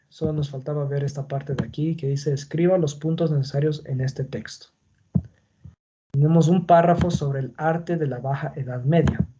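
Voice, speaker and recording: A man's voice: on the high side, highs cut off, noisy background. A man teaching a class on punctuation, explaining patiently and checking in with his students. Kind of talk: online class on Spanish punctuation.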